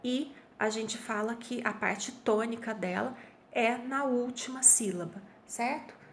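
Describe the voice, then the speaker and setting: A woman's voice: a little high, unhurried, slight background noise. Brazilian woman teaching grammar, patient. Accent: Brazilian Portuguese. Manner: patient, explanatory, frequent "tá?" check-ins. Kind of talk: online review class.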